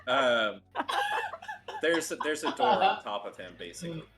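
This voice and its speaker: A man's voice: medium pitch, sing-song, moderate pace, a loud crowd, low-quality recording. A man running a tabletop game as game master, narrating with frequent laughs and fillers.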